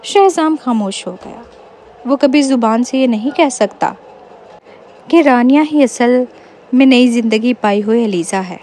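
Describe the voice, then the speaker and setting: A woman narrating a novel in a steady storytelling voice. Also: a little high.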